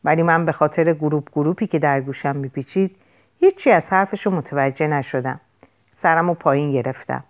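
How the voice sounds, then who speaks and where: A woman reading a first-person audiobook with an expressive, dramatic delivery. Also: low voice. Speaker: audiobook narrator.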